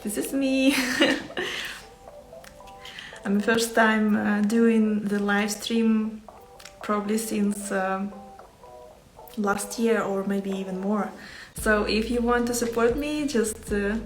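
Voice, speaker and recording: A Ukrainian embroidery artist with a Ukrainian accent chats casually with livestream viewers about her craft from a small home workspace, hesitant and searching for words. Her mid-range voice is steady, slow and full of pauses. The rough recording is reverberant, with faint music behind.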